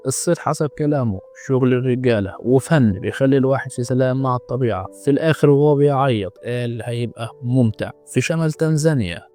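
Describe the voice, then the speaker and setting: A man with an Egyptian Arabic accent narrating a film summary in a brisk, steady storytelling delivery. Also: medium pitch. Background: faint background music.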